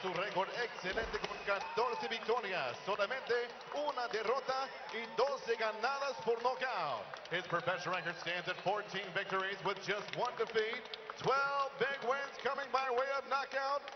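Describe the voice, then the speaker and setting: A man announces fights in the ring in a high-pitched voice, switching between Spanish and English. He stretches names like a showy lucha libre announcer. The sound echoes through a noisy arena and is slightly dull. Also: fairly even intonation. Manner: booming showman delivery with drawn-out names, like a lucha libre announcer. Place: boxing ring in an indoor arena. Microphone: handheld microphone.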